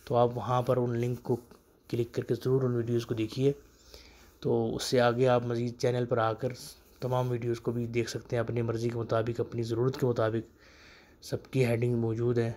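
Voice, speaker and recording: A man who teaches Arabic phrases in a casual spoken lesson, slowing down to repeat each phrase for learners. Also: medium pitch, completely flat delivery, mellow.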